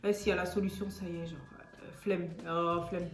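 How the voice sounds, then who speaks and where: A woman's voice: fairly low pitch, flat delivery, fairly quick. Laid-back young woman in an echoey room. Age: 20s. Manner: laid-back, laughing, slangy. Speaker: co-host. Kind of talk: casual chat. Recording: echoey room with faint music.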